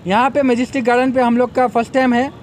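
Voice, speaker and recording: At an outdoor expo, a young organizer makes a promotional press statement into a table full of microphones, pressing customers repeatedly to attend. He talks fast in a very high voice with a flat delivery, and a slight hiss or hum runs underneath.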